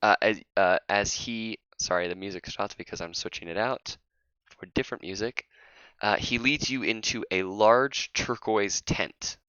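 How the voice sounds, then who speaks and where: Male game master, teasing narrator, low voice with a bright, forceful edge; muffled lo-fi audio, faint music. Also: moderate pace, smooth, no echo. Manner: laughing, teasing, self-interrupting.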